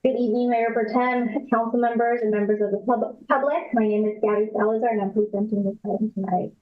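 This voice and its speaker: A woman's voice: on the high side, fairly even intonation, quick pace. Woman on a glitchy remote call, audio dropping out. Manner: polite, businesslike. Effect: audio cutting out, glitchy dropouts. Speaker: city staff presenter. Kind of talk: formal report to a council. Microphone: remote video call. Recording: tinny, echoey call audio with dropouts.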